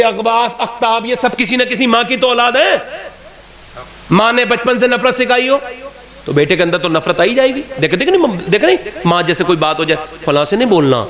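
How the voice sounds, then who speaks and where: A man with an Indian Urdu accent preaching a sermon at a religious gathering, moving from calm storytelling to high shouted climaxes.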